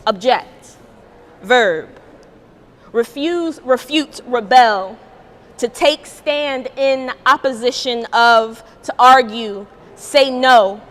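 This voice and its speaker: A woman poet giving a live spoken-word performance at an art gallery event, reciting in a measured, deliberate way. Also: on the high side, a bit bright.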